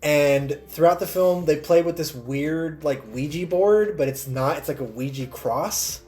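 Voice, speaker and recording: A man with a slightly high voice co-hosts a film review show. He talks casually and loosely, with plenty of swearing, like someone chatting with a friend. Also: darkish tone, faint music behind. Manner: sweary, quick to laugh. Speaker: film podcast co-host.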